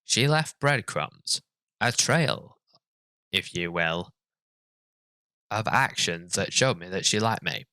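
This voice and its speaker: A man's voice: sits low, animated, slow pace, long pauses, pushed and bright, no echo, exaggerated voice. A man voicing a self-pitying young writer who reads his own story in an earnest, overwrought way. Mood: gushing. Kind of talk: mocking dramatic reading.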